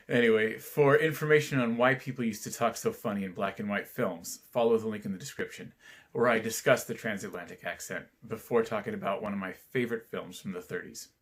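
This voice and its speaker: A male host with a slightly low voice speaks like a 1950s narrator. He puts on a transatlantic accent and an old-fashioned announcer delivery to present a film review. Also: fairly quick. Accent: transatlantic, put on. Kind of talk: old-time 1950s narrator style introduction.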